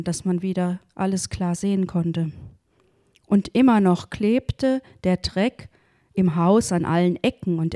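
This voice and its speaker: Slow, mellow woman reading a devotional story. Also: medium pitch, dry recording, studio quality. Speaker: devotional reader.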